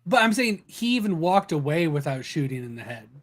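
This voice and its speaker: A man in a casual podcast conversation whose voice sits a little high. He often breaks in with quick words of agreement before giving his own view. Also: very animated.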